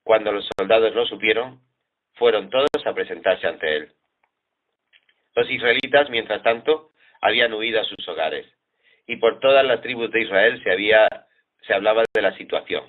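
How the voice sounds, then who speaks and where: Guy reading the bible out steady and even, lowish voice, tinny phone-like sound. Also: normal speed. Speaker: Bible reader. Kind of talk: scripture reading.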